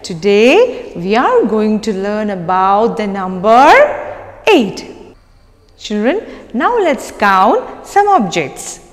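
A young woman teaches small children in a broad singsong manner, repeating words deliberately, as a nursery teacher. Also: mid-range voice. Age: young adult. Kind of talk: children's counting lesson. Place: indoor classroom-like room with decorated wall. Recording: echoey room, long reverb.

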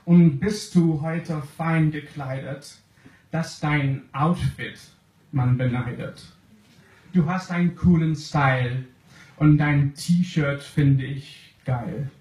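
A man's voice: a little high, steady tone, a little mellow. A young man from England with an English accent, speaking a second language and reading a comic slam poem from a sheet on a club stage. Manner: reads from a sheet, slow and deliberate. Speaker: poetry slam performer. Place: small club stage with audience. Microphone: stand mic, filmed from the crowd. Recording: roomy club audio, faint noise.

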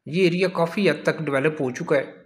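A man's voice: on the high side, a little fast. Man narrating a driving tour. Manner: steady promotional commentary, lists sectors. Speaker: real estate agent. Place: inside a moving car.

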